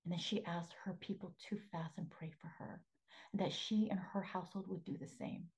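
Woman, spiritual coach, faith podcast monologue, earnest, half-whispered, mellow dark tone, on the low side. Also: fairly even intonation, a little fast, husky, poor audio. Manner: earnest, repeats phrases for emphasis, drops into soft half-whisper.

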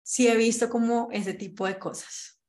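A woman's voice: on the high side, fairly even intonation, normal speed, a little mellow. A woman, a guest in an interview, explaining her views on parenting in an earnest, conversational way. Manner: earnest, explanatory, acts out parents' quoted lines.

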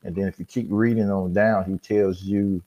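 A man's voice: deep voice, little pitch movement, moderate pace, mellow, muffled recording. A man hosting a casual Bible discussion, teaching in a conversational way. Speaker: podcast host.

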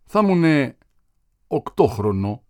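A man's voice: medium pitch, very animated, dry recording, clean studio sound, natural voice. A man reading aloud and voicing a grave, taciturn old captain recalling his childhood.

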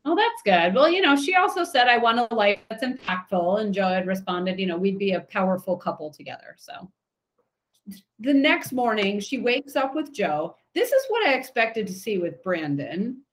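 A woman's voice: mid-range voice, moderate pace. A woman co-hosting a podcast, chatting casually and opinionatedly as she recaps a TV episode. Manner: chatty, opinionated, animated retelling. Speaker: podcast co-host.

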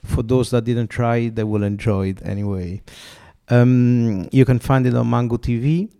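A man's voice: mid-range voice, fairly even intonation, normal speed, creaky, warm tone, clean tone. A man with an Italian accent hosting an interview, asking questions enthusiastically while stumbling over his words. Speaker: interviewer host.

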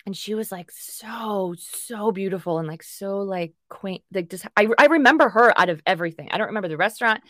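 A woman co-hosts a podcast in loose, chatty conversation that keeps wandering. Her voice sits in a middle pitch. The sound is close and dry, with no room around it. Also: fairly quick, few pauses, a bit bright, no echo. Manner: giggly, chatty, loose rambling. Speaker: podcast co-host. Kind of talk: casual chat.

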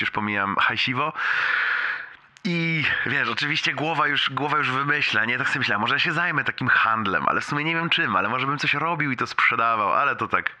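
A man's voice: medium pitch, bright, forceful tone. A man in his late twenties leaving a casual, rambling voice message for a friend, slangy and laughing often. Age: late 20s. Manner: slangy and chatty, laughs often, many restarts.

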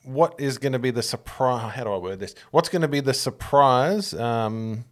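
A man's voice: mid-range voice, moderate pace. A man with an Australian accent co-hosting a casual rugby league show, speaking informally and colloquially. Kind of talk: casual sports chat.

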